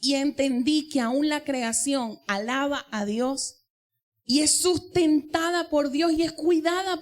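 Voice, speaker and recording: A woman teaching in church, telling a personal testimony and addressing the congregation directly. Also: high voice. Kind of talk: sermon.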